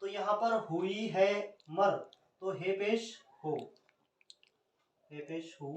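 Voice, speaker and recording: Slow, high-voiced man teaching in an echoey room. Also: distant mic. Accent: Indian Urdu. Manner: slow, letter-by-letter spelling. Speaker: Urdu teacher. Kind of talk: spelled-out poetry scansion lesson. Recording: roomy echo, speaker off the mic.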